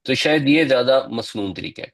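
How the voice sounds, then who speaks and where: A man's voice: mid-range voice, lively intonation, gravelly. A man in a mid-range voice teaches a religious lesson. He lays out each point patiently and in steps, as if walking students through it. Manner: patient, step-by-step explaining. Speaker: Quran teacher.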